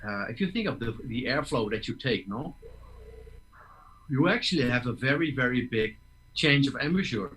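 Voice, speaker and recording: A man's voice: mid-range voice, expressive, normal speed, fairly bright tone, slight background noise, rough recording. A man teaching tuba breathing in an online master class, explaining step by step and often checking in with "okay?". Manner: explains step by step, restarts words, asks "okay?".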